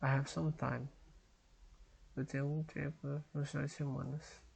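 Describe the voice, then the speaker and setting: A man with a Brazilian Portuguese accent thinking aloud at a computer as he works through language-app exercises, muttering to himself and repeating drill sentences loudly. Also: fairly high pitch, level tone, unhurried, vocal fry, husky. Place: at a desktop computer.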